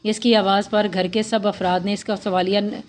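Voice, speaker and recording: A woman's voice: mid-range voice, normal speed. Woman reading a novel aloud. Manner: steady reading with small slips. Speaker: narrator. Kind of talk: audiobook novel narration.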